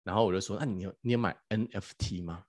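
A man, a podcast host telling a story casually and in an animated way, often restarting his phrases. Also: low voice, fast talker. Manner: animated, acts out quotes, stammers restarts.

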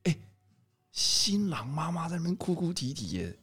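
Man, thirties, casual podcast storytelling, laughs often, fairly high voice. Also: sing-song, normal speed, fairly bright tone, slightly rough, faint music behind. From Taiwan. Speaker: podcast co-host, wedding photographer.

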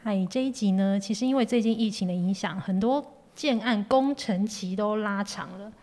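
A woman's voice: mid-range voice, normal speed, a little mellow. A woman hosting a conversational podcast in a Taiwanese Mandarin accent, slightly muffled by a face mask. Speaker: podcast host.

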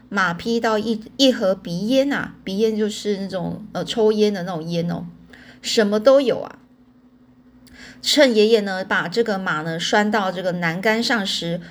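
A woman narrating a children's novel in a chatty way, pausing to explain words and repeat phrases. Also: medium pitch. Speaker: audiobook reader. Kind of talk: storytelling narration.

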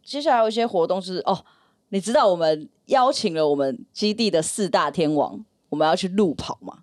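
Woman podcast co-host; animated storyteller, swoopy pitch, quick delivery, dry close sound. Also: dry recording. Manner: animated storytelling, acting out quotes. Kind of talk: casual podcast chat.

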